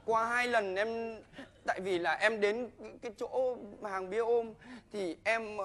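A man's voice: high voice, steady tone, measured pace, a bit bright, a little hiss or hum. An actor playing a timid, evasive male patient who pleads and stammers through excuses in a live comedy sketch. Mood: sheepish. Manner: pleading, hesitant, rambling excuses. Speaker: comic actor.

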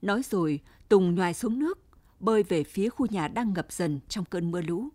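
A woman reading a story aloud in a steady, measured way. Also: medium pitch, no echo. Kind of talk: scripted story narration.

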